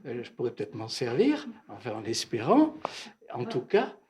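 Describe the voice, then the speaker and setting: An older man from Algeria, a psychoanalyst, telling his memories at a bookshop talk in a halting, reflective way, often repeating words. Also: mid-range voice, wildly swooping pitch, darkish tone. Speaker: psychoanalyst, guest speaker. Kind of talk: reminiscing talk at a bookshop event.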